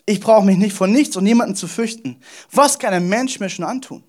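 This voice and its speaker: A man preaching a sermon, swinging between loud emphasis and quiet asides, often repeating words and speaking straight to the listener. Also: sits high, fairly quick. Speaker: pastor.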